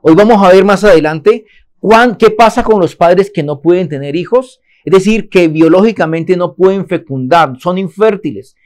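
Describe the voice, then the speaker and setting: A man's voice: high-pitched, normal speed, a little mellow. A man teaching a Torah lesson, asking his listeners questions and answering them himself.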